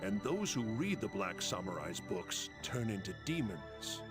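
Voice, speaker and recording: A man's voice: on the low side, very animated, a little slow, over loud music. An actor playing a formal, authoritative male samurai commander in a video game. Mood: grave, thoughtful. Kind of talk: dramatic game voice acting.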